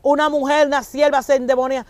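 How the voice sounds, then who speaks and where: A woman's voice: high-pitched, quick pace, no echo. A woman, preaching conversationally and acting out little dialogues as she talks. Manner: animated, acts out dialogues with shifting voices.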